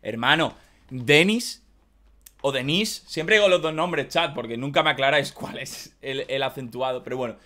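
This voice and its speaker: A man with a Valencian Spanish accent, hosting a casual music reaction and excitedly repeating his praise in slang. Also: medium pitch, a little fast, few pauses. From Spain. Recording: loud music playing behind.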